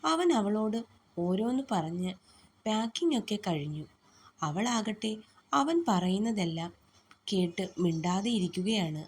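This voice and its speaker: A woman narrating a romantic story and softly reading both lovers' lines herself. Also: mid-range voice, big pitch swings, measured pace, pauses often, slight background noise.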